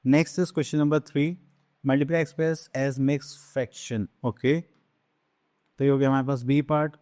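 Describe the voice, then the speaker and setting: A man teaching a math lesson on fractions, asking questions and answering them himself, slipping into English terms and reading numbers out slowly. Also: medium pitch, steady tone, darkish tone, dry recording, studio quality. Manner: drawn-out slow reading of numbers.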